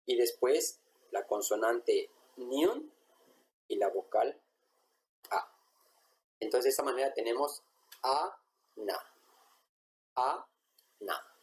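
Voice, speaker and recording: A man explains a lesson at an unhurried, deliberate pace. He repeats each example word patiently as he works at a whiteboard. His voice sits in an ordinary middle register, with a faint hiss of noise behind it. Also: medium pitch, darkish tone, poor audio. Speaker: language teacher.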